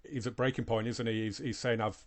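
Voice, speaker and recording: A man's voice: medium pitch, level tone, quick pace, soft background music. Hesitant man reacting to a video. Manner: hesitant, repeats words, thinks aloud. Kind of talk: casual reaction commentary.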